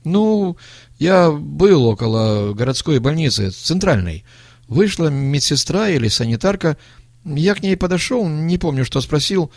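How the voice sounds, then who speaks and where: A man voicing a nervous young male accomplice who talks fast and high, stammering excuses in a storybook reading. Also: very animated, a little mellow, no room sound, heavily acted. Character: jittery young male accomplice, boastful then panicky.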